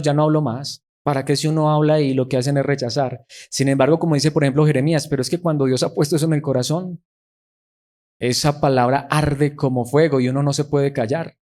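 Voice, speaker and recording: A man's voice: fairly high pitch, darkish tone. A man preaching a sermon, who keeps putting rhetorical questions to the congregation.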